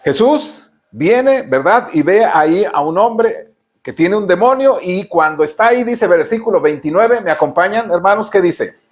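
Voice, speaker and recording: High-voiced Mexican preacher, emphatic. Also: male voice, expressive, moderate pace. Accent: Mexican Spanish. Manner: emphatic preaching, frequent rhetorical questions to the congregation. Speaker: pastor. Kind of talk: sermon.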